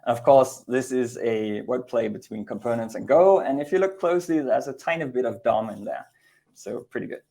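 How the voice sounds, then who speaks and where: A man's voice: mid-range voice, normal speed, mellow. A man in his thirties from Denmark giving an informal technical lightning talk in a conversational, slightly hesitant way over a video call. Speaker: conference speaker, Go developer. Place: indoor room, video call.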